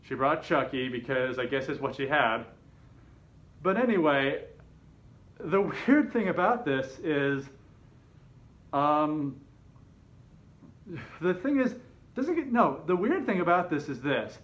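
This man's voice is a little high and fairly bright, very animated yet slow, with long pauses as he tells a personal story casually, hesitating and correcting himself often. He's in a fursuit head in an open living room and kitchen at home. A nearby camera mic records him with dull, somewhat muffled home audio.

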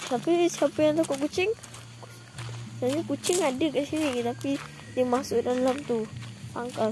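A woman's voice: high voice, noisy background. A young woman with a Malaysian Malay accent, chatting casually in a camping vlog, rambling with fillers, recorded on a phone held close outdoors. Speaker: vlogger. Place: outdoor campsite among trees. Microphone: phone held close at arm's length.

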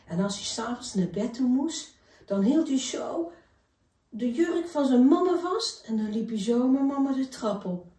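A woman reading a children's story aloud in a gentle, expressive way. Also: sits high, normal speed, distant mic. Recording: echoey room, voice from afar.

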